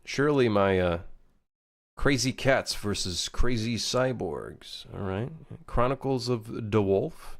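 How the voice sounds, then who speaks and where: A Swiss-born man streaming his game development, chatting loosely and cracking jokes as he reads chat aloud. His voice sits a little low and stays casual and unhurried. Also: lively intonation. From Switzerland. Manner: joking, reading chat aloud, thinking out loud.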